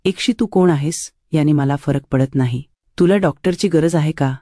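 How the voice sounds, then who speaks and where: A woman's voice: low voice, normal speed, mellow, dry recording, clean studio sound. A woman doing a bossy, rude rich young man. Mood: concerned. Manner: stern, ordering tone.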